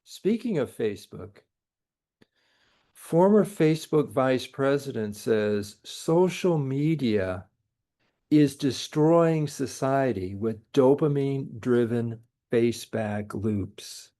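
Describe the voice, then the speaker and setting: Slow-talking dry-humored male professor. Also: medium pitch, expressive, mellow. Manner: dry jokey asides, sarcastic. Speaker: college professor. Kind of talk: recorded lecture.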